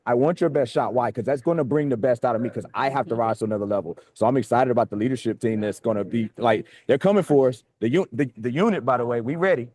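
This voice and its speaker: A man who leads a team, talking in a casual, coach-like pep talk, energetic and quick to laugh. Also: medium pitch. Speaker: team leader and trainer.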